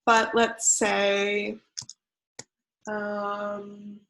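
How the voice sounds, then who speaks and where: A woman's voice: medium pitch, monotone, very slow, creaky, fairly bright tone, slight background noise, rough recording. A young woman teaching a creative writing lesson online to children, patiently counting syllables aloud.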